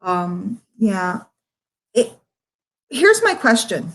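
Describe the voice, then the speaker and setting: On a casual live stream, a middle-aged marketing coach talks candidly and at length to her followers, pressing emphatic points directly on the listener. Her mid-range voice has a sing-song, slightly bright quality, and she speaks extremely slowly.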